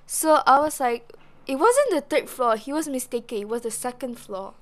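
A woman's voice: high voice, normal speed. A young woman with a Malaysian English accent, co-hosting a casual chat and telling a story with Malay words and swearing mixed in. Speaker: podcast co-host.

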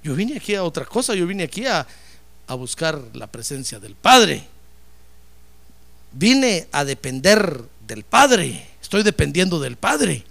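A man's voice: a little high, creaky, a bit bright, exaggerated voice. A man voicing a resolute male holy man who firmly refuses temptation and declares why he came.

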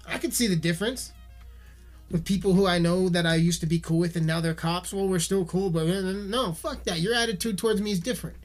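A man's voice: high-pitched, a little fast, soft background music. Heated, foul-mouthed man ranting. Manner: heated, swears constantly, repeats himself. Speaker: musician ranting on camera. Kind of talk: profane video rant.

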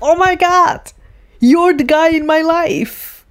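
A woman doing a frantic, shrill single mom. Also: takes it slowly, heavily acted. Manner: shrill, exclaiming. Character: frantic desperate single mom in her forties.

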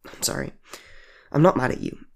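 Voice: normal speed, natural voice. A narrator voicing C J, a wry self-mocking teen. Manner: wry jokes over hidden hurt. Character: self-deprecating young person named C J, age eighteen. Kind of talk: audiobook character voice.

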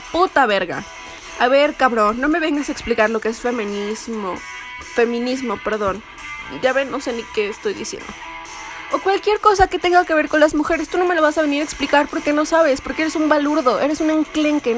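A young woman with a Mexican Spanish accent, ranting heatedly and sarcastically in a vlog, swearing often. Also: high-pitched. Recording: music playing behind the voice.

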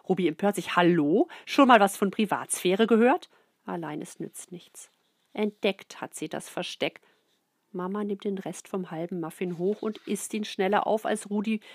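A middle-aged woman reads a children's book aloud in an expressive way, often dropping into soft whispers. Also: medium pitch, moderate pace, slightly rough, no echo, studio quality. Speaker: narrator.

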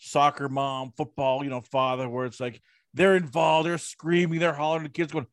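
A man's voice: fairly high pitch, fairly even intonation, moderate pace, dry recording. Chatty male interviewer, dry sound. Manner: rambling, chatty questions with many fillers. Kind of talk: casual interview.

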